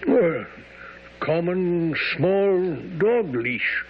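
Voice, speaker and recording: A man playing a loyal, earnest gentleman doctor, a detective's companion, in a radio mystery. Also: high voice, very animated, drawn-out words, slight background noise, full character voice. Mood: puzzled. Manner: hesitant, earnest. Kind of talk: 1970s radio mystery acting and narration. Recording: dull radio broadcast sound.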